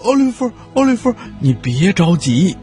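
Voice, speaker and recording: A man's voice: sits high, very animated, moderate pace, a little mellow, faint music behind, voice pushed up. A man voicing a small, friendly boy polar bear cub in a children's story, speaking eagerly and kindly. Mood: reassuring. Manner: eager, kind and encouraging.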